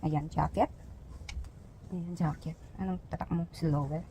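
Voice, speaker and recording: Woman from the philippines, vlog host, lowish voice, chatty show-and-tell, faint background hum. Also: steady tone, unhurried. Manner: chatty, points out each item with frequent fillers. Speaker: vlogger.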